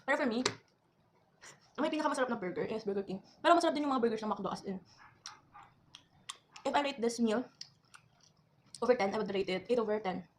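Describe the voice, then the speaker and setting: A woman's voice: fairly high pitch, fairly quick, long pauses, slight background noise. A young woman from the Philippines chatting casually while eating on camera, with teasing asides between bites. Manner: talks between bites, chewing. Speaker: food vlogger. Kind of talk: casual mukbang chat.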